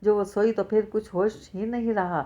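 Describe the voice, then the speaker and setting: A woman's voice: mid-range voice, fairly even intonation, moderate pace, mellow. Woman reading a novel aloud. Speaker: audiobook narrator.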